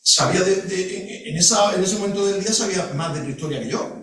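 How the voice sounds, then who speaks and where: A man's voice: high voice, fairly bright tone, slight background noise. A middle-aged man recounts a personal story at a panel talk. He halts, restarts and adds asides as he goes. He sits far from the mic in a large hall that rings with echo. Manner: halting, with many restarts and asides. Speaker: guest speaker at a panel talk. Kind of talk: personal storytelling to a live audience.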